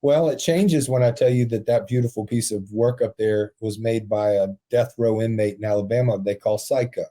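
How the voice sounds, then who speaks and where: A man with a low, mellow voice tells a heartfelt story as a podcast guest. He speaks earnestly and with emotion, and soft laughs break into his telling. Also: moderate pace, few pauses. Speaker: podcast guest, prison ministry founder.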